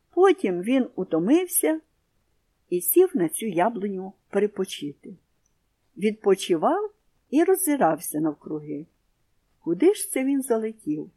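A woman reading a children's story aloud in an expressive storybook manner, then asking comprehension questions. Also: medium pitch.

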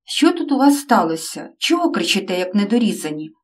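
A woman's voice: medium pitch, very animated, fairly quick, distant mic, close to an everyday voice. A woman reading out the lines of a worried mother who questions and reproaches her son. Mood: reproachful.

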